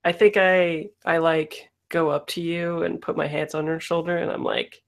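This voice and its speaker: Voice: medium pitch, flat delivery, normal speed, gravelly, a bit bright. A player in a tabletop roleplaying game, talking casually and tentatively while improvising a character's moves.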